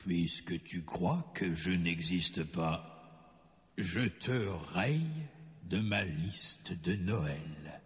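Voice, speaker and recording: A man playing a jolly old Father Christmas in a storybook audio drama, deep and gravelly, slow and teasing. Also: expressive, exaggerated voice. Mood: jovial. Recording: long hall reverb.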